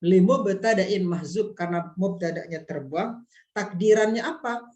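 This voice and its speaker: A man teaching a class in a relaxed, reassuring way, working through examples with rhetorical questions. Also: sits high, moderate pace. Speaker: lecturer. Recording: echoey room.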